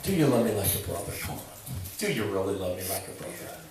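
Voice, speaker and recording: A man quoting Jesus as a gentle questioning man, dropping his voice low, in a sermon. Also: very animated, fast talker, background noise. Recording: echoey church from far off. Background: congregation.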